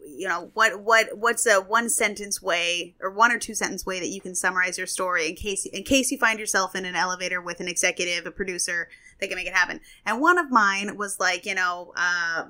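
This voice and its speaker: A woman's voice: lowish voice, brisk, few pauses, bright, forceful tone. A young woman co-hosting a podcast in casual chat, talking with many fillers and restarts. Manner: chatty, filler-heavy, lots of restarts. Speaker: podcast co-host.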